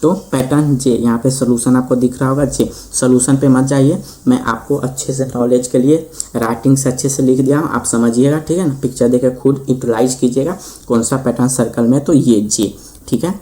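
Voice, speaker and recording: A man teaching a school maths lesson, reading lines slowly and explaining each one. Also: mid-range voice, fairly even intonation, dark tone. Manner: repeats "ठीक है" often, reads English lines slowly then explains. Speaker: tutor; host of the channel.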